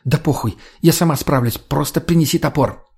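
A man's voice: fairly high pitch, brisk, vocal fry, husky. A man doing a tough, foul-mouthed young woman barking orders. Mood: urgent, yelling. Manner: shouted, swearing, commanding. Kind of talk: audiobook character voicing.

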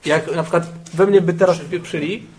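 A man improvising a comic role-play character on a podcast, giving deadpan, matter-of-fact replies. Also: on the high side, a little fast, a little hiss or hum.

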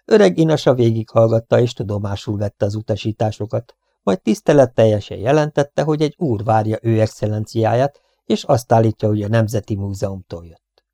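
Mellow-voiced male audiobook narrator. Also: lowish voice, dry recording, studio quality. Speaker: audiobook reader. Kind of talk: scripted narration.

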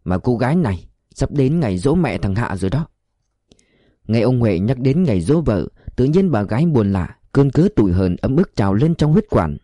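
A man narrating a novel audiobook in a measured, expressive storytelling manner. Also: medium pitch, no echo, clean studio sound.

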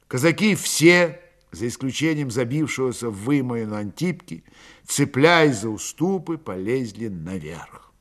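A man reading a novel aloud as audiobook narration, dramatic, moving between slow hushed passages and rising intensity. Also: medium pitch.

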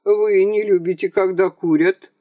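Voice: medium pitch, fairly even intonation, measured pace, dull audio, close to an everyday voice. A story reader voicing a blustering, swindling male army captain who bellows and takes offense. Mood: insistent. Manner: bellowing and indignant. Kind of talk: dramatized story reading.

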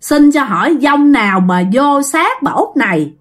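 A woman voicing a polite, calm elderly village man questioning a spirit. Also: high-pitched, voice pushed up. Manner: courteous, measured questioning.

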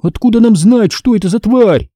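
A man's voice: high-pitched, normal speed, dark tone, no echo, studio quality, pitched above the performer's own voice. A man reading an audiobook, voicing a stubborn young girl who scolds and snaps at the boys around her. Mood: indignant. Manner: firm and scolding.

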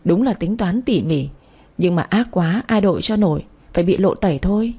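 A woman voicing an outspoken young female servant who talks loud and accusing, slightly raised. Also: lowish voice, lively intonation, moderate pace, slightly rough. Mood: insistent.

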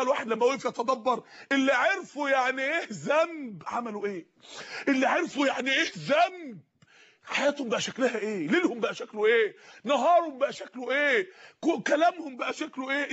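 A man preaching a sermon in an Egyptian Arabic accent, his voice very high and his words coming quickly. He talks fervently and repeats himself, climbing into emotional cries. The recording sounds dull and lo-fi. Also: a bit bright.

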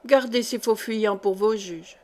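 A woman's voice: mid-range voice, a little slow, a little mellow, natural voice. A woman voicing a timid, submissive male seneschal in a storybook reading, speaking mournfully. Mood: dejected. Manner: dejected, mournful.

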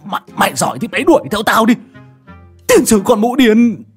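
A man voicing a frightened old male exorcist who yells curses in panic. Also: high voice, expressive, fairly quick, slightly rough, faint music behind, voice pushed up. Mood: panicked yelling. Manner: panicked yelling.

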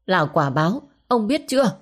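A woman's voice: fairly low pitch, expressive. A woman voicing a cold, resentful middle-aged son who scolds his sick father sharply. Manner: sharp, scolding, quick retorts.

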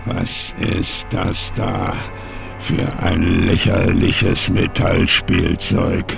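An actor playing a gigantic, scornful male monster with a growling voice in a German radio play, over loud music. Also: low voice, flat delivery, exaggerated voice. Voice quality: gravelly, growling. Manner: slow, menacing, scornful. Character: Green Frankenstein, gigantic menacing mocking male monster.

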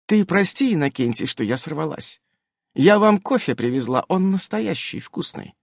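A man's voice: a little high, expressive, normal speed, creaky, dry recording, studio quality, pitched above the performer's own voice. A man voicing a fawning, guilty young female fox werewolf witch who whines and ingratiates herself, in a read-aloud story. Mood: whiny. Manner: whining, ingratiating.

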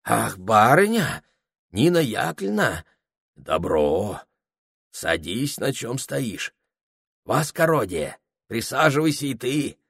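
A man's voice: medium pitch, big pitch swings, slow, creaky, long pauses, fairly bright tone, breathy edge, no room sound, clean studio sound, pitched above the performer's own voice, exaggerated voice. Man doing plaintive, fawning barrack folk. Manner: plaintive, humble. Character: crowd of poor barrack dwellers, fawning.

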